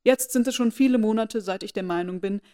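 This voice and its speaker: Woman reading as reserved gentleman Darcy. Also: mid-range voice, brisk, natural voice. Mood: candid. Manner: restrained, earnest. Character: reserved, proud young gentleman.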